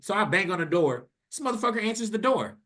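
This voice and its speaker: Animated, bright-voiced young man telling a story. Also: quick pace. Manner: animated, profane, acts out quotes with rising pitch. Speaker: podcast co-host. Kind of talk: casual storytelling chat.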